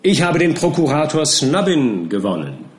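A man's voice: on the high side, huge pitch swings, moderate pace, pitched above the performer's own voice. A man reading an audiobook and voicing a little, fussy, self-important male lawyer with a bouncy, emphatic manner. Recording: roomy echo.

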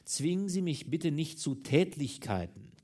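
A man's voice: fairly high pitch, sing-song, unhurried, mellow, voice pushed up, heavily acted. A man doing a stern, commanding police commissioner. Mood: stern questioning. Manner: formal, commanding.

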